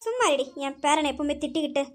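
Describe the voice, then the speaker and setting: A woman's voice: high voice, lively intonation, fast talker. A woman voicing a scheming, spoiled young granddaughter who plots a forced marriage. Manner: sly, plotting.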